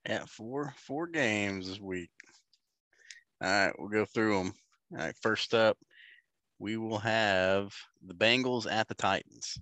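A man's voice: fairly low pitch, slow pace, bright, forceful tone, no room sound. A man co-hosting a casual sports podcast, throwing in wisecracking asides. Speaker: podcast co-host.

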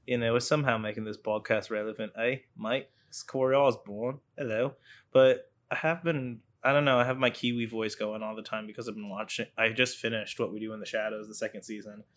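A man's voice: on the low side, steady tone, a little fast, fairly bright tone. A young man co-hosting a casual podcast, rambling with lots of fillers and laughs. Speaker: podcast co-host. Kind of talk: casual chat.

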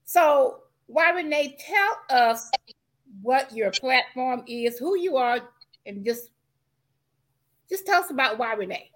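Higher-pitched woman hosting a podcast. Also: expressive, takes it slowly, long pauses, rough recording. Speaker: podcast host. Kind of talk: conversational interview hosting.

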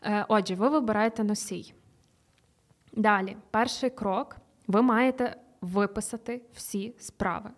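A young woman talks through a method in a casual podcast chat. Her voice sits at a middle pitch, relaxed and full of fillers. She explains step by step and swears now and then. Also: measured pace. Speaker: podcast co-host.

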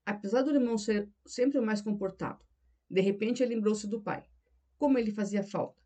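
Mellow-voiced woman narrating an audiobook. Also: medium pitch, fairly quick. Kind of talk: scripted narration.

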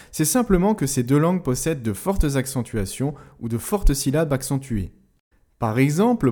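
A man hosting a language-learning podcast, explaining pronunciation tips in a clear, didactic way, slowing down to model words. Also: mid-range voice, dark tone. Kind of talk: scripted educational narration.

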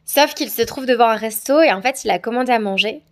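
With a fairly high pitch and a quick pace, a woman from France relates something that happened to her, talking to camera in a frank, hesitant, conversational style.

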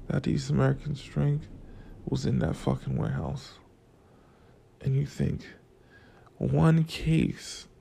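A young man from Florida vlogs in a groggy morning voice, loosely and profanely rambling about work and money as he drifts between stories and life lessons. He's on the high side, mellow, with vocal fry, and the recording carries a little hiss or hum.

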